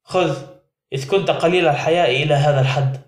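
A man's voice: on the high side, steady tone, fast, echoey room, lightly acted. A man voicing a cold, drunken young man who answers dismissively in an audiobook.

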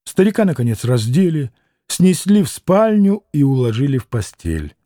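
A man narrating a classic novel aloud in an expressive, dramatic reading. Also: on the high side, moderate pace, no echo, studio quality. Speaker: audiobook narrator. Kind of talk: scripted literary narration.

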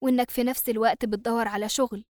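A woman voicing a calm old father with an Egyptian accent in an audiobook. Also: a little high, very fast, dry recording, studio quality, natural voice. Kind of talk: audiobook character reading.

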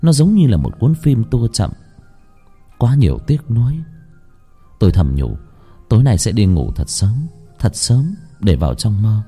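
A man narrating a ghost story in the first person, emotional and dramatic, swinging from hushed lines to pleading cries. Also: fairly low pitch, sing-song, unhurried, slightly rough. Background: faint music.

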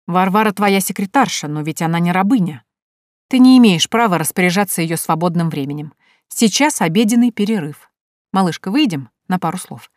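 A smug young charmer talks in a wheedling, needling way, read by a woman narrator. The voice sits low, and the recording is dry and close, with no room sound. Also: no room sound, lightly acted. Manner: wheedling, then bitter and shouting.

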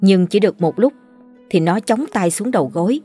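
A woman's voice: medium pitch, expressive, moderate pace, mellow, breathy edge, faint music behind. A woman narrating a ghost story in a scripted storytelling style.

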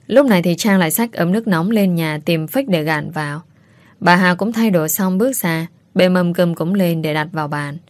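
Woman narrating a story, low and dry. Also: moderate pace, no room sound.

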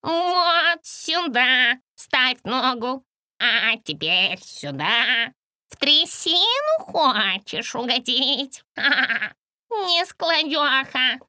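A woman voicing a fussy, boastful little male silver frog, in a slow, squeaky, scolding voice. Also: sing-song, bright, forceful tone, no room sound, clean studio sound, exaggerated voice. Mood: bossy. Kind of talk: audiobook character voice.

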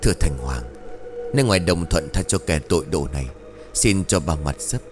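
A man voicing a stern, gruff old village sorcerer in a ghost story. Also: low-pitched, expressive, fairly quick, music in the background. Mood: solemn. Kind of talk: audio ghost story reading.

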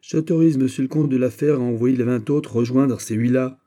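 A man's voice: mid-range voice, a little fast, dark tone, pitched above the performer's own voice, lightly acted. A man reading an audiobook, voicing an imperious male general who speaks in a stern, sonorous way. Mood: commanding. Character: commanding middle-aged male general. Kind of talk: audiobook character voice.

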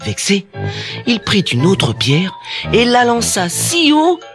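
A man narrating a children's fairy tale in an expressive, animated way. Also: high-pitched, takes it slowly. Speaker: storyteller. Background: music.

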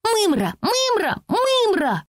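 A woman's voice: sits high, big pitch swings, normal speed, dry recording, studio quality, pitched above the performer's own voice. A woman reading an audiobook voices a small bookish girl who talks in a prim, old-fashioned way. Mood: shouting. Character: small bookish girl, earnest and easily hurt. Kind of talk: audiobook character voicing.

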